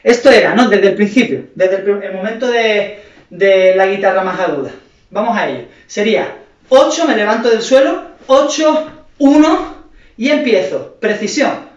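A man's voice: high voice, lively intonation, normal speed. A male dance teacher leading an online class, counting beats and singing the rhythm with sound words while encouraging his students. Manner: encouraging, speaks to the class directly. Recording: echoey room, far from the mic, dull sound.

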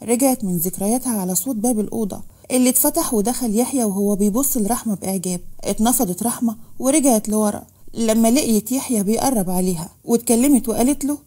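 Fast-talking Egyptian woman storyteller. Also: on the high side, dark tone. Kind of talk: scripted story narration.

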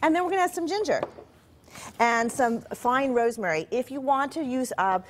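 A woman's voice: high-pitched, expressive, normal speed, slight background noise. Middle-aged lady cooking teacher, explains each step, lapel mic on a tv kitchen set. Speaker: cooking instructor. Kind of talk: cooking demonstration on a TV show.

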